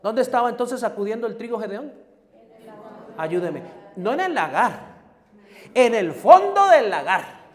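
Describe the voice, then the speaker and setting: A man's voice: very high-pitched, very animated, measured pace, long pauses. A male pastor preaching an emphatic sermon and calling on the congregation to respond. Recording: long hall reverb.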